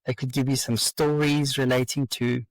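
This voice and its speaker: A man's voice: medium pitch, level tone, normal speed, no echo, low-quality recording. A man speaking as an interview guest, explaining eagerly and persuasively in a casual way. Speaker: business coach guest.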